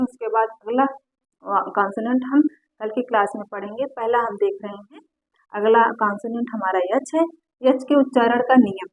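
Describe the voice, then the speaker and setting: A woman's voice: on the high side, darkish tone. A woman teaching an online English pronunciation lesson, explaining rules patiently step by step. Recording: dull lo-fi sound.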